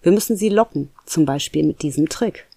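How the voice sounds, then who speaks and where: A storyteller voicing a calm, patient male roommate who gently guides a friend, in a dry, close recording. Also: mid-range voice, a little fast, gravelly, no echo.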